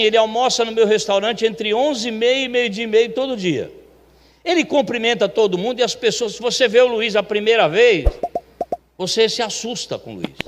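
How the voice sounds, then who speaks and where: A man with a high voice tells a testimony from the pulpit, chatty and animated, and acts out the voices of the people in his story. His voice rings through a church sanctuary with a long reverb. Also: a little hiss or hum. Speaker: church elder telling a testimony.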